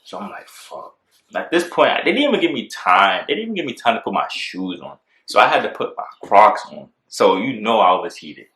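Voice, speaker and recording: A man's voice: fairly low pitch, sing-song, brisk, hardly any pauses, fairly bright tone. A young man telling a rambling storytime in casual slang, full of "like" and "bro". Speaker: vlogger. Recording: echoey room.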